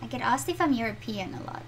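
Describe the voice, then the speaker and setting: Her voice sits high, with slight background noise behind it. She's a middle-aged art channel host with a South African accent, drawing in her home studio on a live stream while chatting with viewers and reading out their comments.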